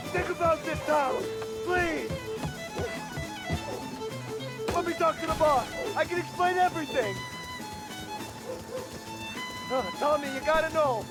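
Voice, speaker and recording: Give me a frantic male traitor pleading for his life, very high and strained, heard from afar over loud music. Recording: distant game audio with loud music.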